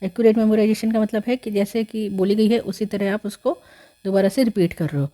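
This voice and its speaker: Mellow-voiced woman teaching history. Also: mid-range voice, steady tone, a little fast. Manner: explains step by step with many fillers and restarts; mixes English words into her talk. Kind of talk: explaining lecture.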